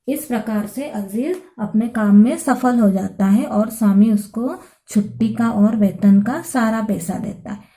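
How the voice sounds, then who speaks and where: A woman teacher explaining a lesson, reading each phrase and then translating it slowly, often repeating herself. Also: on the high side, warm tone, low-quality recording. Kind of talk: explaining a Sanskrit lesson in Hindi.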